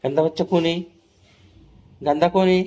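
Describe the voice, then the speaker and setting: A man's voice: on the high side, fairly even intonation, normal speed, dark tone. A man, a father filming a casual family vlog, talking with playful teasing and coaxing to his small son.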